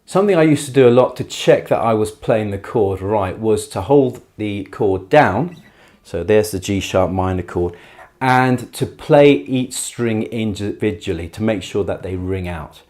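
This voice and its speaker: A man giving a beginner guitar tutorial in a careful, unhurried way, patiently and reassuringly explaining each step. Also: lowish voice, lively intonation, darkish tone. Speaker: guitar teacher. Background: acoustic guitar playing.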